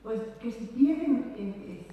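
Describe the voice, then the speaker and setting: A woman's voice: on the high side, expressive, unhurried, dark tone. A woman asking an informal question from the audience. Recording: very echoey hall, distant, dull sound.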